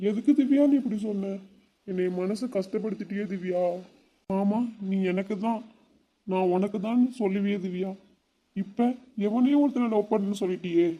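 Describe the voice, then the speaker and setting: A man's voice: sits high, normal speed. A man voicing a heartbroken, earnest young village man in a cartoon, pleading and sincere. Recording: dull lo-fi sound.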